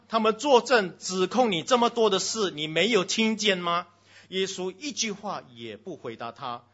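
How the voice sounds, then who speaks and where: A man gives a sermon to his congregation, shifting between loud exclamations and hushed passages, slipping into English now and then, and addressing the children himself. His voice is high, and the audio is dull.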